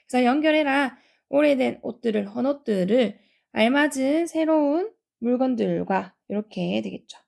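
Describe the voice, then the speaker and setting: Woman teacher, gravelly, methodical grammar explainer. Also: fairly high pitch, darkish tone. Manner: explains step by step, reads English sentences slowly. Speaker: English teacher. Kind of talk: grammar lesson.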